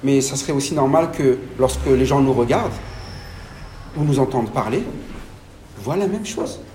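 A man's voice: medium pitch, moderate pace, reverberant, a little hiss or hum. A man from France with a French accent, preaching a sermon and putting questions to the congregation. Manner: animated, asks the congregation questions.

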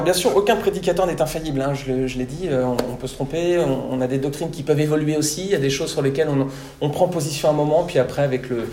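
Mellow-voiced man preaching in an echoey hall. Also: on the high side, a little hiss or hum. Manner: didactic, repeats "d'accord?" to check understanding. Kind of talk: sermon. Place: church hall.

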